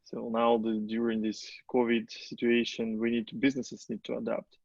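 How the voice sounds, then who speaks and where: A man hosts a webinar in a halting way, full of "like" fillers. His voice has a gravelly fry. The audio is dry and dull, like a video call. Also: medium pitch, monotone, no room sound. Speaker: webinar host. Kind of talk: webinar conversation.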